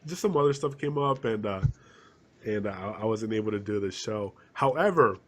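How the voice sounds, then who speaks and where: A man's voice: lowish voice, animated, normal speed. Congested man chatting on a podcast. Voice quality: throat kinda hurts, slightly hoarse. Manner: rambling, many restarts and fillers, laughs often. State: congested with a cold. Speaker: podcast co-host. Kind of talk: casual chat.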